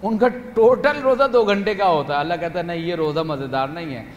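A man preaching to a gathering, animated, acting out little scenes and asking the audience questions, rising loud and dropping soft. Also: sits high. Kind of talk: religious talk to young people at a retreat. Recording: echoey hall with faint room noise.

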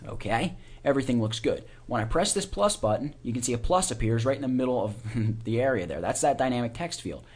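A man teaching software in a casual screencast, informally talking through each click and keystroke as he does it. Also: medium pitch, lively intonation, brisk. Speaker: software tutorial instructor. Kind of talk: casual step-by-step screencast tutorial.

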